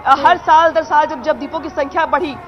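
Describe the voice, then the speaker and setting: A woman's voice: sits high, steady tone, fairly quick. A woman reporting live from a crowded outdoor event, explaining at length. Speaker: field reporter. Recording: dull outdoor line with crowd.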